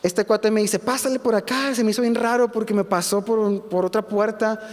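A man's voice: sits high, flat delivery, fairly quick, darkish tone, in a large hall. A man with a Mexican accent preaching in a vivid, conversational storytelling style, sharing a personal testimony. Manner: vivid, conversational storytelling with frequent self-corrections. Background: music.

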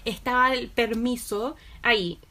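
Young Chilean woman, high pitch, casual slangy podcast storyteller on a call. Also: measured pace, very noisy. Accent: Chilean Spanish. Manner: chatty storytelling, lots of slang fillers. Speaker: podcast co-host. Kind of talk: casual chat between friends.

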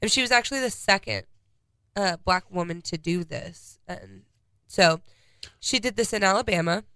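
A stuffed-up woman co-hosts a casual podcast, running through a list of dates and events. Her voice is bright with a gravelly edge. It is recorded close and dry. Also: mid-range voice, moderate pace, no room sound. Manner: reads out a history timeline of dates. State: congested. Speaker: podcast co-host.

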